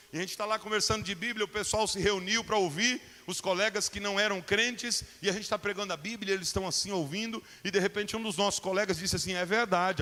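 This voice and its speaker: A man in his forties, a guest pastor preaching a lively sermon and acting out little dialogues as he tells stories. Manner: lively preaching, acts out dialogues with shifting pitch. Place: church sanctuary. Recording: long hall reverb.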